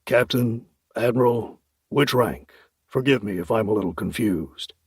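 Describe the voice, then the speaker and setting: A man's voice: lowish voice, unhurried, darkish tone, breathy edge, dry recording, pitched below the performer's own voice. A man doing a puzzled, polite army major. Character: confused male military major, polite.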